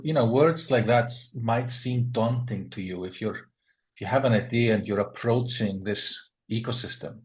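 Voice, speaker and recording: A man from Iceland, speaking as a panelist in a webinar discussion and talking in a thoughtful way while he searches for the right words. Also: on the low side.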